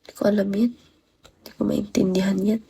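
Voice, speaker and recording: A nineteen-year-old college student from Baguio in the Philippines is livestreaming while tired, achy, and sick with a cold, greeting viewers and thanking each one in turn. Her voice is medium-pitched, creaky, husky, and warm, with a level tone and normal pace.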